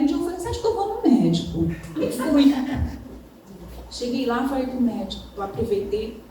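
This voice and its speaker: A woman preaching a sermon in a church, talking conversationally and often addressing the congregation as brothers. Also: fairly high pitch. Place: church hall. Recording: echoey hall from far off, faint noise.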